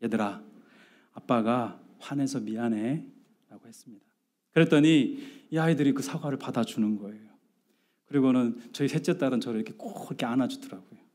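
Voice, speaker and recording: A man's voice: medium pitch, fast, dark tone. A middle-aged male pastor preaching a sermon, telling a family story with acted-out dialogue and asking the congregation questions. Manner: storytelling with acted-out dialogue, rising to emphatic outbursts.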